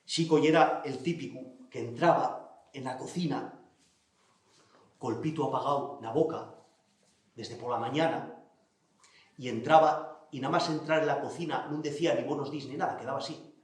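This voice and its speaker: A man telling a traditional folk tale in a lively, animated way, acting out the characters, in a very echoey room. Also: mid-range voice, moderate pace, long pauses. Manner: lively, acts out characters, laughs along. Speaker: storyteller.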